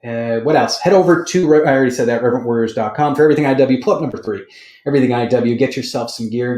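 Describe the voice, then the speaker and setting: A man hosting a podcast, talking loosely and correcting himself mid-sentence with sudden jumps in energy. His voice sits at an ordinary middle pitch, and the room gives it a noticeable echo. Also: a little hiss or hum. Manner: rambling, self-correcting, animated. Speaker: podcast host. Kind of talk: casual chat. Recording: roomy studio echo.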